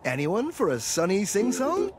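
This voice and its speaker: Papa Go, jaunty and showy. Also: male voice, high voice, wildly swooping pitch, moderate pace, loud music behind the voice. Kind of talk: animated preschool cartoon dub.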